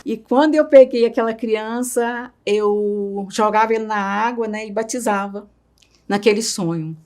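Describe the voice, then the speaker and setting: A woman's voice: on the high side, a little slow, darkish tone. Emotional Brazilian woman sharing a testimony. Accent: Brazilian Portuguese. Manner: emotional, tags sentences with a questioning "right?". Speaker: interviewee. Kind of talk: personal testimony.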